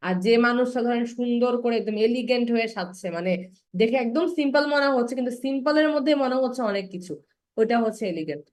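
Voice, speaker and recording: A young woman teaching an English grammar class online, patiently explaining and slowing down to spell out example words. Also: fairly high pitch.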